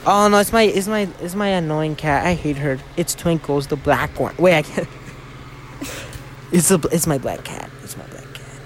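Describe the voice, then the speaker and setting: A teenage guy with a fairly high voice, co-hosting a podcast from his bedroom. He rambles, swears freely and makes fun of himself. Faint hiss sits under his voice. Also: moderate pace. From Florida, USA. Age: teens. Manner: rambling, swears a lot, self-mocking. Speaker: podcast co-host. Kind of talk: casual chat. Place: home bedroom.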